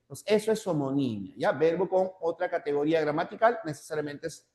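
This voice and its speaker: This classroom lecture comes from a man with a Peruvian Spanish accent, whose voice is a little high, animated, and slightly mellow. He repeats key terms often and checks in with "¿ya?". When giving examples, he slows down to spell them out.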